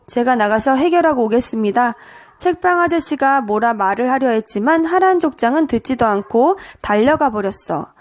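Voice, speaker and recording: A woman reading a children's storybook aloud at bedtime, giving the characters lightly changed voices. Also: on the high side.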